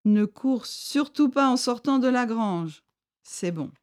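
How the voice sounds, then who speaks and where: A woman's voice: a little high, animated, takes it slowly, darkish tone, smooth, pitched above the performer's own voice. A woman voicing an armed rebel leader, a man who is stern yet friendly and speaks firmly in a raised voice. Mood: commanding. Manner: firm, commanding, raised voice.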